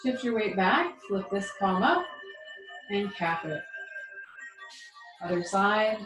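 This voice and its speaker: A woman teaches a guided movement class with music playing behind her. Her voice sits at a middle pitch and echoes in the room. She gives short, informal cues and reassures as she goes. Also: animated, takes it slowly. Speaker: tai chi instructor. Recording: roomy echo, music behind.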